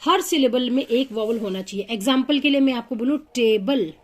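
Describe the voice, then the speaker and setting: Teaching English phonics, a woman with a slightly high voice explains things step by step. She patiently works through example words, pausing with small fillers while she thinks.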